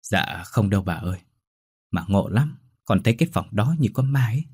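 A man's voice: fairly low pitch, lively intonation, a little fast, darkish tone, breathy edge, no echo, clean studio sound. A man voicing a frightened young servant girl who stammers and pleads in a ghost story. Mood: anxious. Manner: stammering, fearful.

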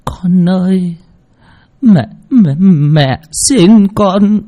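A man's voice: high voice, animated, very slow, dark tone, pitched above the performer's own voice, exaggerated voice. A man voicing a frail, bedridden old mother who begs in broken phrases. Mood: pleading. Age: older. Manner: faltering, broken, begging.

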